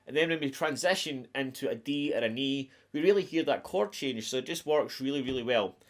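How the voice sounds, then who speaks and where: A middle-aged guitar teacher with a broad Scottish accent gives a casual lesson to camera in a small attic music room at home. His voice is medium-pitched, animated, and a little fast, with electric guitar playing in the background.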